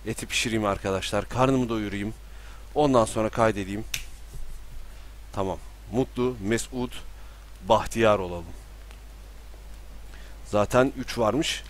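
A young man giving casual live commentary while playing a game at home, talking to himself and sometimes bursting into panicked yelling. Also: on the low side, a little slow, pauses often, slight background noise. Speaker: streamer. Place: room at home with balcony door open.

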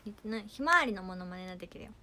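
A young woman casually chatting on a livestream, reading viewer comments with playful giggles and trying quick cartoon impressions. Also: medium pitch, animated, background noise. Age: young adult.

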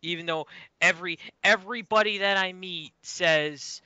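A man's voice: sits high, normal speed, sharp tone, smooth, no room sound, muffled recording. A man from Rhode Island with a Boston-like southern New England accent, chatting casually as a podcast co-host. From Rhode Island, USA. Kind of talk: casual fan podcast chat.

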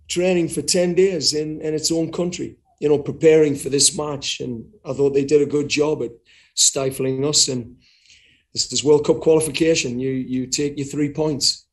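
Speaking as head coach at a post-match press conference over a video call, a middle-aged man answers frankly, often repeating words as he thinks. His voice is a little high, with a steady tone and moderate pace. He sits indoors in front of a sponsor backdrop.

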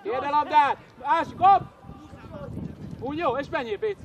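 Guy with a high voice shouting encouragement on a noisy outdoor pitch. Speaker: youth football coach. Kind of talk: sideline coaching shouts.

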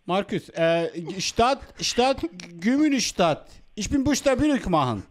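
Man putting on a high-pitched, flustered Turkish-accented immigrant. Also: sing-song, unhurried, heavily acted. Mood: confused, insistent. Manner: broken grammar, stammering, repeats himself. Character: flustered immigrant man lost on a train journey, broken German. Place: small studio room, indoors. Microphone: close studio microphone.

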